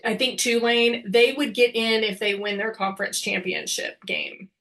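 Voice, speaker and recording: A woman's voice: a little high, fairly even intonation, normal speed, fairly bright tone. A woman co-hosting a casual football podcast, chatty and hedging, often laughing as she talks. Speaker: podcast co-host.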